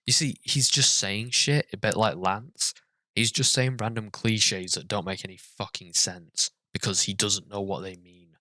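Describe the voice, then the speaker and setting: A man's voice: on the low side, fairly even intonation, measured pace, sharp tone, dry recording. A man giving profane, sarcastic commentary as he reads a story and rants about it. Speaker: comedic reader and commentator.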